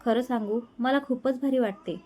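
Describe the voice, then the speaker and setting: A woman's voice: fairly high pitch, moderate pace, dark tone, lightly acted. A woman voicing a young bride-to-be, flustered and fondly scolding the man she is falling for.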